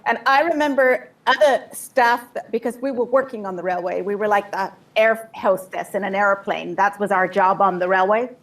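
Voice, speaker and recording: A woman telling a personal story in short, vivid bursts and pausing for an interpreter. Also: mid-range voice, fairly even intonation. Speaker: guest speaker. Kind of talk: personal testimony with live interpreter.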